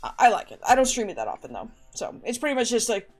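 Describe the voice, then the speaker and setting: A woman streams and talks loosely to her viewers, wandering off on tangents and circling back. Her voice sits a little on the high side. Soft game music plays faintly behind her. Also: sing-song, fast talker. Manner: rambling, chatty, often restarts and trails off. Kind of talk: casual chat to a live stream audience.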